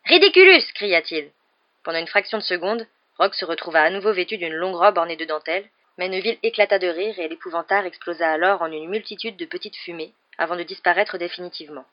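Low-voiced woman reading a novel aloud. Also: fairly even intonation, fast talker, hardly any pauses. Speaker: audiobook reader. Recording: muffled lo-fi recording.

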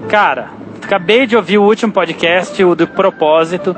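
A Brazilian man in his thirties leaves a call-in message on speakerphone while driving. His voice sits high, and he talks in an earnest, halting way, full of restarts and the odd swear word. Faint music plays underneath. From Campinas, Brazil. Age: 30s. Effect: phone call on speakerphone while driving. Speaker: caller. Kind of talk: casual phone message to a podcast host. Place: car.

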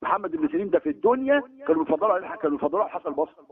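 Rapid high-voiced Egyptian preacher, tinny. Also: male voice, sing-song, vocal fry. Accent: Egyptian Arabic. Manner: emphatic, exhorting, acts out quoted exchanges. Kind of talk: religious lesson sermon. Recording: tinny phone-like lo-fi recording.

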